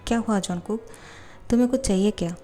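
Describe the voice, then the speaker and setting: A woman's voice: medium pitch, a little fast, mellow, soft background music, natural voice. A woman reading the part of a protective twelve-year-old boy who pleads with his younger cousin. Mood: pleading. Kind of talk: fan fiction voiceover storytelling.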